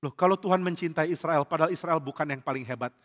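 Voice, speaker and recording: A man preaching a lively sermon to a congregation as pastor, acting out little dialogues and jokes. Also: on the high side, fast. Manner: animated, acts out quotes and jokes with the congregation. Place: large church hall. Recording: church hall reverb.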